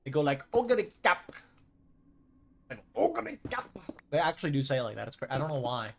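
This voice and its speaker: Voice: mid-range voice, very fast, slight background noise. A streamer rambling and thinking aloud over live gameplay in casual chat.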